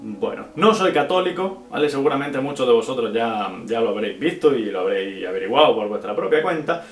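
A young Spanish man answers viewer questions in a casual vlog, his mid-range voice lively in intonation and a little fast. He's chatty, clips words and drops syllables like "pa'", and keeps tagging sentences with "right?", often "¿vale?" and "¿no?". The room is echoey, with faint guitar music behind him.

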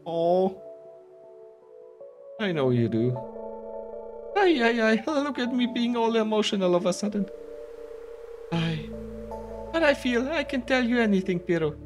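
A man's voice: sits high, sing-song, measured pace, long pauses, pitched above the performer's own voice. A man voicing an emotional, middle-aged single-mother ship captain who drops Spanish exclamations and "aye" as she gushes, with game music behind. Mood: tender emotional. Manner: sentimental, gushing.

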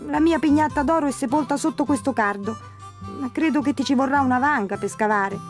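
A woman's voice: a little fast, soft background music, natural voice. A woman voicing a tiny, crafty male leprechaun shoemaker who is wheedling and tricky in a storybook reading. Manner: shrill, pleading, tricky.

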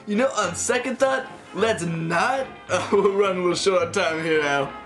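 Music runs over the voice of a teenage boy playing a jovial, flippant co-host in a scripted spoof of a 1930s radio program, delivered in a chatty, hammy way. His voice sits high and a bit bright, at a moderate pace, in a small wood-panelled room.

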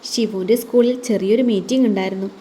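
A woman's voice: mid-range voice, quick pace, slight background noise, lightly acted. A woman voicing a weary, hurt young mother. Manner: subdued, weary, soft. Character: hurt young single mother, quiet and guarded.

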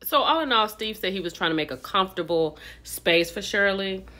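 Brisk and expressive, her medium-pitched voice carrying a sharp edge, an American woman in her thirties runs through a casual vlog recap. As an online gossip commentator she keeps it conversational and opinionated, hitting key words emphatically.

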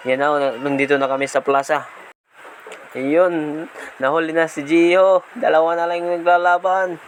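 A man with a slight lisp from missing front teeth, giving excited casual commentary as a vlog host outdoors. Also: a little high, normal speed. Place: outdoors on a rural road, partly riding a motorbike. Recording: outdoor noise, passing motorbikes.

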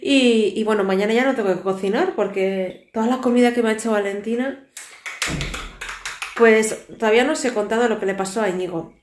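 Her fairly high voice moving fairly quickly, a tired woman in her thirties rambles through a casual vlog chat with weary asides. She's a family vlogger and native Basque speaker with a Basque Spanish accent, recording on a phone camera at arm's length in an echoey tiled home kitchen.

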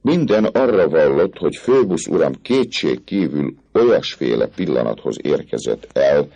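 A man reading a classic novel aloud as an audiobook narrator, in an expressive, dramatic way. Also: a bass voice, creaky, slightly rough, no echo, muffled recording.

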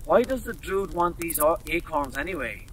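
A man's voice: on the high side, animated, normal speed, a little hiss or hum, pitched above the performer's own voice, close to an everyday voice. A man voicing a curious young boy asking questions, heard from a slightly distant mic.

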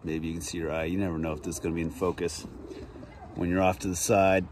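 A man in his forties, a pigeon breeder, calmly showing birds in his backyard and talking in an unhurried, matter-of-fact way with frequent ums, recorded on a handheld phone. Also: deep voice. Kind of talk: casual show-and-tell. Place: backyard outdoors. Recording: faint outdoor background noise.

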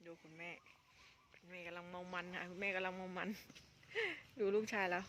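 A woman who owns an elephant, chatting excitedly and coaxing her animal while filming outdoors in the countryside. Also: on the low side, a little fast, a little hiss or hum. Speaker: elephant owner and vlogger. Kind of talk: casual live commentary. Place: outdoors, rural.

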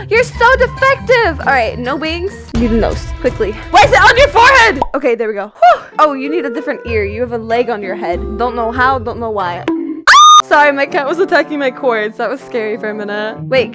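Excitable young woman gamer, high, swooping voice, music behind. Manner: excitable, squealing, gasping and laughing. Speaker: gaming video host. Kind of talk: excitable VR gameplay commentary.

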